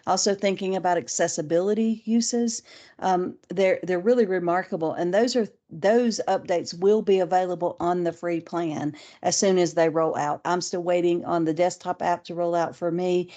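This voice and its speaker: A woman with a low, warm, mellow voice leads a training webinar for educators. She talks in an easygoing, conversational way and often restarts a phrase as she thinks it through. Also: steady tone, normal speed. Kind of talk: conversational online training talk.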